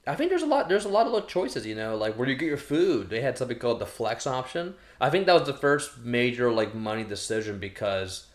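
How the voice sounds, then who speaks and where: A man's voice: mid-range voice, very animated, quick pace, hardly any pauses. A man in his thirties co-hosting a podcast, talking casually and rambling with many restarts. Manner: rambling, full of restarts and fillers. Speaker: podcast co-host. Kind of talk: casual chat. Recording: roomy echo.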